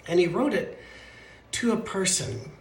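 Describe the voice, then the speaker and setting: Male Bible teacher, stuffy and congested, muffled down-a-well voice, fairly high for a man, echoey room. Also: animated, a little slow, a little hiss or hum. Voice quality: muffled, hollow, like talking from the bottom of a well. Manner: chatty, rambling, with self-corrections and asides. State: congested, stuffy nose from allergies. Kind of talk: casual midweek Bible lesson. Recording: echoey room with faint ambience.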